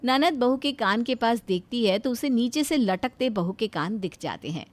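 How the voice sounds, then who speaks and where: Expressive high-voiced woman narrator. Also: moderate pace. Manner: expressive storyteller. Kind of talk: storytelling narration.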